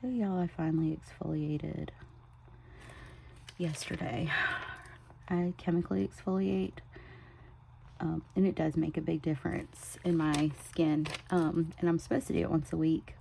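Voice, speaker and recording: Low slow drawling woman, gravelly. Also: flat delivery, slight background noise. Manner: chatty, drifts into soft whispers while working. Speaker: planner vlogger. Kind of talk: casual plan-with-me chat. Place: home desk.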